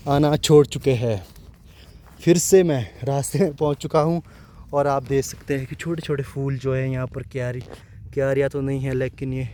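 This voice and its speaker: A man narrating a walking vlog outdoors in a dense forest, chatting loudly to the camera as he goes. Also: mid-range voice, slight background noise. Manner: chatty, talks loudly to warn animals. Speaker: nature vlogger.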